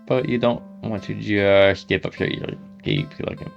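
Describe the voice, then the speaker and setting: Man, low gravelly voice, reading a horror text game aloud, speaks the sound effects himself, slightly dull recording, faint music underneath. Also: steady tone, normal speed. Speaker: gaming YouTuber.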